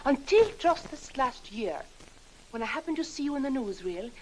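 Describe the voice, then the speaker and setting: An actress in her twenties playing a forward young Swedish visitor, with a Swedish accent and a soft, teasing manner, in 1960s film acting. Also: high voice, sing-song, normal speed, slight background noise, rough recording. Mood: coy. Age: 20s.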